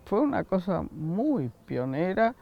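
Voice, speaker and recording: An older man from Argentina with an Argentine accent, unhurried in the interview and often laughing softly. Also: sits high, big pitch swings, creaky, lo-fi sound. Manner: unhurried, with frequent soft laughs. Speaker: interviewee, founder of a school. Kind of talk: reflective interview answers.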